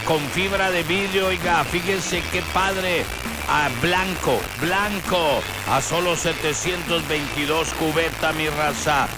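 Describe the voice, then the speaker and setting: A man's voice: a little high, low-quality recording. A man, a radio host chatting his way through a live ad with folksy jokes. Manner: folksy, chatty, joking asides. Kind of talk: casual live radio ad read. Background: loud music.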